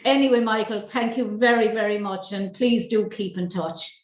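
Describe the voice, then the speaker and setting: A woman's voice: mid-range voice, normal speed, highs cut off. A woman with an Irish accent, hosting a casual interview in a chatty, complimentary way. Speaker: show host, interviewer. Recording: echoey, roomy sound.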